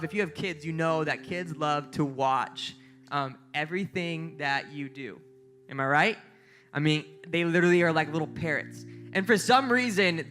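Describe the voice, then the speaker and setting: A young male pastor delivering a live sermon, his voice sitting a little high for a man. He tells family stories in a lively way and leaps higher when acting out what others said. Guitar music plays clearly behind him. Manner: lively storytelling, voice jumps up for quoted lines.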